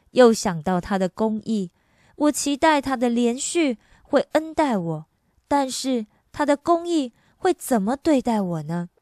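A woman's voice: fairly high pitch, darkish tone, no room sound, studio quality. A woman voicing a dying man fearing judgment. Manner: troubled, pleading.

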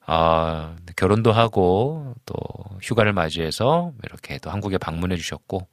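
His low-pitched voice makes big pitch swings at a moderate pace, captured in studio quality without echo. He's a pastor in his forties hosting a live stream, reading viewer comments aloud and chatting warmly and casually, chuckling often and filling pauses with fillers.

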